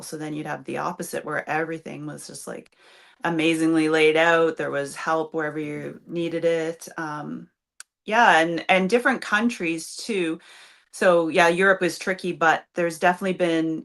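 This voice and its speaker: Low gravelly-voiced woman guest. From Canada. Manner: relaxed, lighthearted storytelling. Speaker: guest, Paralympic rower. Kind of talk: conversational interview.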